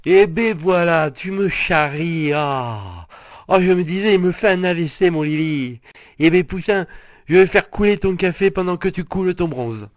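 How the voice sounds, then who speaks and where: An actor playing a doting, theatrical older husband who teases and gossips affectionately. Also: male voice, high voice, a little fast, no echo, studio quality, lightly acted. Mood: teasing.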